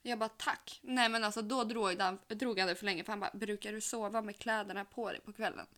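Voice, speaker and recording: A young woman in casual chat, acting out both sides of a chat story with a quick, giggly delivery. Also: medium pitch, fairly even intonation, fairly bright tone. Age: young adult.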